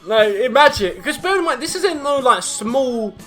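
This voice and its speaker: A young man telling a story casually, animated, laughing often, with heavy slang and swearing. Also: very high-pitched, moderate pace, soft background music. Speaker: vlogger.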